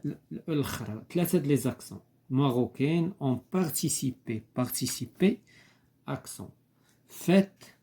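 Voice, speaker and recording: A man leads a primary French lesson. He reads each word carefully, repeats it, then explains in quick asides. His voice is mellow and dark, pitched in a middle range. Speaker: teacher.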